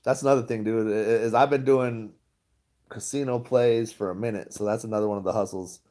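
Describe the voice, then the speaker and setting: On a laid-back livestream, a stock vlogger rambles to his viewers and laughs frequently; his voice is lowish and dark, fairly quick, with fairly even intonation.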